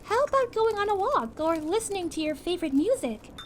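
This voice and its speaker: A woman voicing a sweet, caring young princess in a calming roleplay, speaking to a friend in a gentle, reassuring, chatty way. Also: very high voice, brisk, slight background noise. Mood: soothing, encouraging. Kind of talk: calming ASMR audio roleplay.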